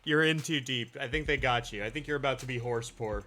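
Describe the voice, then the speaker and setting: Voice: mid-range voice, fairly quick, sharp tone, faint music behind. A live streamer chatting casually from a home setup, rambling with lots of fillers and restarts. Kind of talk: casual chat.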